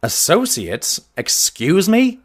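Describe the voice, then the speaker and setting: A man's voice: high voice, huge pitch swings, slow pace, full character voice. A man playing a loyal, earnest stallion doctor who narrates and banters as the detective's companion in an audio drama. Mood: exasperated. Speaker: narrator and sidekick.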